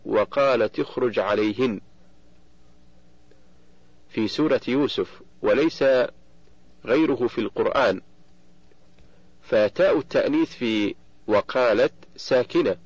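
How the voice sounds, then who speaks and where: A man giving a steady, measured audiobook reading of a book on Quran recitation rules, slowing down on quoted verses. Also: mid-range voice, slightly rough, no echo. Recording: dull lo-fi dry recording.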